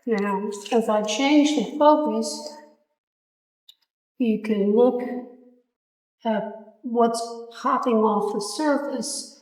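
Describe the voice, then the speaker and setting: A woman museum guide explaining to visitors, soft-spoken and unhurried, her voice a bit worn. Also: fairly high pitch, reverberant, big-room sound, rough recording. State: losing her voice. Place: museum observatory room.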